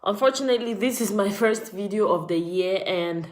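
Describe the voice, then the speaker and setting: A woman from Cameroon talks straight to her viewers in a casual live stream, greeting them as they join. Her voice sits at an ordinary pitch. The room gives it a noticeable echo. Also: moderate pace. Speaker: vlogger.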